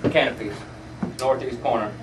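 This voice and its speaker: Man, site worker in a skit, mid voice, loud noise behind. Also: mid-range voice, fairly even intonation, normal speed. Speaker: construction worker. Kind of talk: comedy skit acting.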